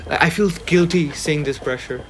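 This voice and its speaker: A man's voice: fairly high pitch, moderate pace, slight background noise. A young man from Pakistan, interviewed in casual conversation, talking hesitantly with many fillers and restarts. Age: young adult.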